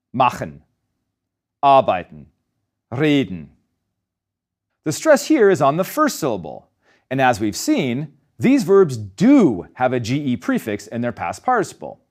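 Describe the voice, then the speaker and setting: A man with a fairly high voice that swings widely up and down as he narrates a scripted German grammar lesson. He explains each rule step by step and slows down to sound out the German example words. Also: darkish tone. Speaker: German language teacher.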